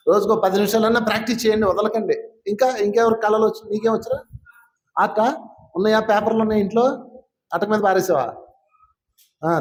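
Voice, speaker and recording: A spiritual teacher with a high, bright voice gives an informal, conversational talk to a gathering, quizzing audience members and teasing them good-naturedly. The hall-like sound is roomy and echoing, with a bit of hiss or hum.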